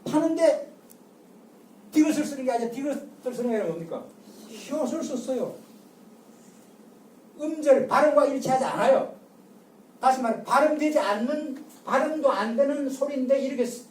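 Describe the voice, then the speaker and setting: Older lecturer, mellow tone, quizzing the class with repeated questions; picked up from a distance in a reverberant room. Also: high voice, lively intonation, brisk, long pauses, slight background noise. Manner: drills the audience with call-and-response and repeated rhetorical questions. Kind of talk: public lecture. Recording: echoey lecture room from far off.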